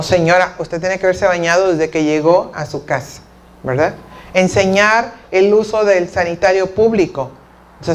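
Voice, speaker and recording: Woman lecturer, lively and teasing, acts out patient dialogues, speaking in a lecture hall. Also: fairly low pitch, slight background noise. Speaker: nursing lecturer. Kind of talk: conference lecture.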